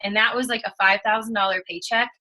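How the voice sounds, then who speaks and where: Bright-voiced woman telling an emotional story. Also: medium pitch, fast talker, rough recording. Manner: animated, emotional storytelling with quoted asides. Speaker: network marketing distributor. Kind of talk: casual testimonial chat.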